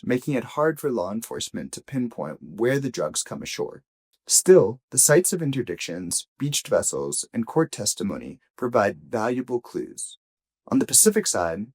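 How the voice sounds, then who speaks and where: A man with a husky, mid-range voice works through a scripted audio news investigation in the role of a journalist, keeping his delivery measured and deliberate and leaning on emphatic pauses.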